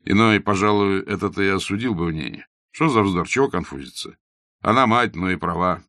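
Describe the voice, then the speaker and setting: A man's voice: low-pitched, fairly quick, a bit bright, dry recording, studio quality. Bazarov, a blunt, mocking young doctor, read by a man. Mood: wry. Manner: curt, ironic, matter-of-fact.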